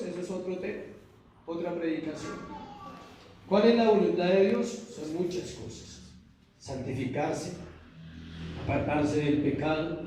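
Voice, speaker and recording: A man's voice: sits high, dark tone, a little hiss or hum. Emphatic preaching man in an echoey hall. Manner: emphatic call-and-response preaching. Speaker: pastor. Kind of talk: sermon. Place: church hall. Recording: echoey church hall from far off.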